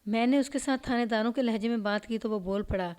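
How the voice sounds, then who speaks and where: A woman narrating a police crime story in a steady, measured reading voice. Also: on the high side, clear, resonant tone.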